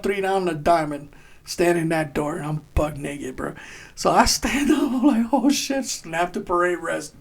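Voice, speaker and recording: A man casually telling a rowdy army story on a podcast, swearing often and laughing as he acts out shouted quotes. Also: high-pitched, vocal fry. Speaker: podcast co-host, army veteran.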